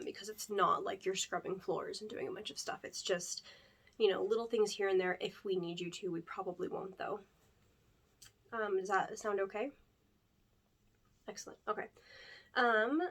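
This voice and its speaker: A woman's voice: medium pitch, close to an everyday voice. A woman playing a rambling pizzeria staffer, ASMR role-play. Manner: rambling and upbeat, full of fillers and nervous joking. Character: chatty young female pizzeria staffer interviewing a hire. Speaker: ASMR creator.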